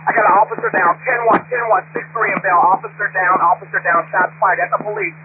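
A police officer speaking over a police radio transmission, urgently repeating short call-outs. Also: male voice, high-pitched, steady tone, fast. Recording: tinny, noisy police radio.

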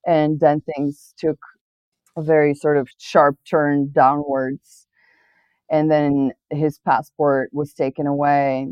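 A Bulgarian woman, a native Bulgarian speaker, appears as a guest in a conversational interview about her work as a literary translator. Her voice sits low and smooth, and the recording is muffled but free of echo. She speaks reflectively and thoughtfully, often restarting her sentences.

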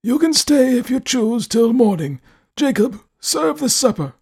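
Stern old hermit guy w a high strained voice, haughty, sounds set back from the mic, a man doing the voice. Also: very animated, a little slow, creaky, husky, full character voice. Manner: haughty, clipped demands.

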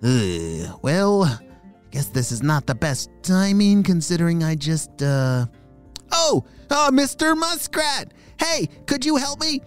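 A man voicing an excitable young male frog in a children's storybook, breathless and eager, full of exclamations. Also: sits high, slow pace, smooth, faint music behind, pitched above the performer's own voice.

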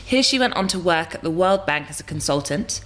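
A woman's voice: lowish voice, lively intonation, fairly quick, fairly bright tone. A woman hosting a podcast, who reads a scripted introduction of her guest and then asks questions conversationally. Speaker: podcast host.

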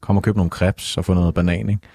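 Low-voiced man, hesitant music talk. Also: level tone, dark tone, slightly rough, dry recording, studio quality. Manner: thoughtful, hesitant, many fillers. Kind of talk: casual music review chat.

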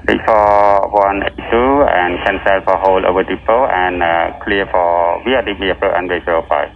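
An American-accented pilot makes a halting call over his cockpit radio headset. His voice is very low and gravelly. The transmission sounds dull and muffled, with a faint hiss under it. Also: steady tone. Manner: hesitant radio call with fillers. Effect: pilot speaking over a cockpit radio headset.

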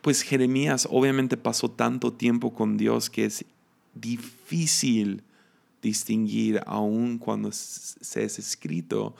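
Gravelly Mexican man preaching conversationally. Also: lowish voice, darkish tone. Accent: Mexican Spanish. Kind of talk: conversational sermon teaching.

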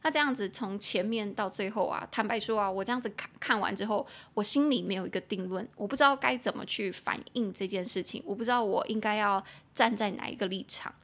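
A woman with a Taiwanese Mandarin accent hosting an English-learning podcast, reading English lines slowly and then explaining them in casual Mandarin. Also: mid-range voice, fairly bright tone. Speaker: podcast host teaching English.

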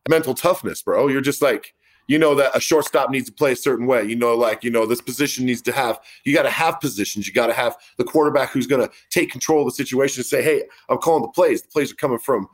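A man's voice: medium pitch, fast talker. Easygoing male host chatting. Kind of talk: casual chat.

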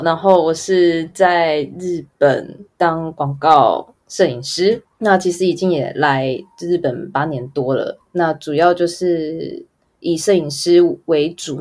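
Her voice is low and a little mellow, with a Taiwanese Mandarin accent. She is an advertising photographer being interviewed, and her answers are casual, rambling and informal, often trailing off into lists.

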